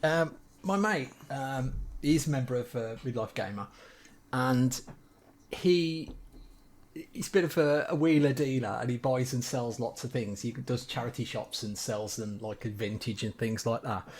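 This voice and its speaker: A man's voice: mid-range voice, a little slow. A man telling jokey anecdotes on a gaming podcast, laughing through his own stories, with faint noise in the background. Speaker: podcast co-host. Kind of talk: casual storytelling.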